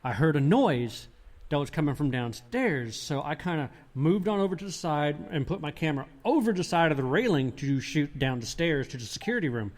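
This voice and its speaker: A man's voice: a little high, fairly quick. A man, a paranormal investigator, telling his experiences in a casual podcast interview, rambling with restarts. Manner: rambling, restarts, animated retelling.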